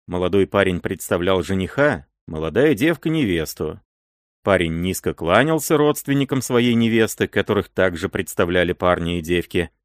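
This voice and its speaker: A man narrating a classic novel as an audiobook, in a measured, expressive way. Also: low voice, dry recording, studio quality.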